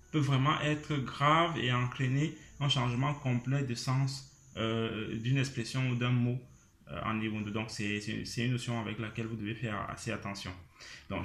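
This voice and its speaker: A man teaching a language lesson in a patient, explanatory way, humming and singing tone examples. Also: mid-range voice. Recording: roomy echo.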